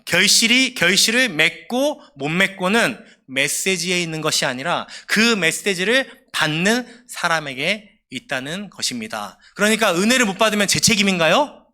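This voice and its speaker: A man's voice: high-pitched, big pitch swings, moderate pace, bright, forceful tone. A man preaching a sermon as a pastor, with an emphatic delivery that rises and falls.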